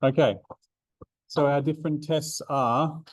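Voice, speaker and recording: Leading a statistics revision seminar in a university classroom, this Australian maths tutor has a somewhat high, steady voice and talks a little slowly. The sound has no echo, and his delivery is casual, with frequent ums and false starts.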